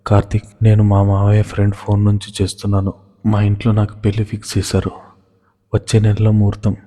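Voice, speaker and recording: A man's voice: fairly low pitch, completely flat delivery, brisk, mellow, natural voice. A man reading a tearful young woman. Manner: pleading, tearful. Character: frightened young woman in love. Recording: long hall reverb.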